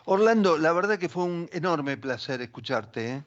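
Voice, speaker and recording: A man's voice: fairly high pitch, animated, moderate pace, muffled recording. A man with an Argentine accent hosting a radio interview in a conversational, agreeable way. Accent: Argentine Spanish. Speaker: radio host.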